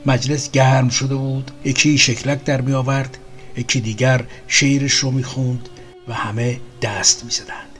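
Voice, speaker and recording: A man tells a remembered story in a calm, measured way. His voice sits at a middle pitch. Soft music plays faintly beneath him. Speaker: narrator. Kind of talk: storytelling narration.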